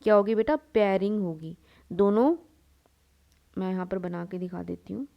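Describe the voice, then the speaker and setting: Speaking at a normal speed in a gravelly, mid-range voice, a young woman teaches biology while sketching, mixing English into her Hindi. She asks her students things and supplies the answers herself, addressing them as "beta." The recording sounds dull.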